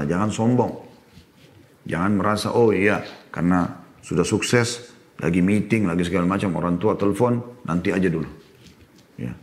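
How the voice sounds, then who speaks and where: A middle-aged man preaching a sermon, earnest and explanatory, with emphatic bursts and quoted Arabic phrases. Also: low-pitched. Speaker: Islamic preacher.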